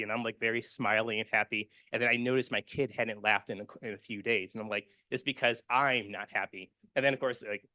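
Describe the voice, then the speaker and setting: Earnest man with a bright voice. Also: on the low side, no room sound. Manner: earnest and personal, many fillers and restarts. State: emotional, near tears. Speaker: conference speaker. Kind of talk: conference presentation with slides.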